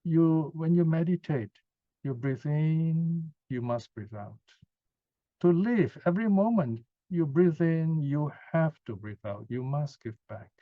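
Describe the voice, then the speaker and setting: This man's voice sits on the high side, animated but measured in pace, as he gives a casual Buddhist teaching talk and fields questions. He frequently checks in with brief tag questions. The recording sounds dry, dull and lo-fi.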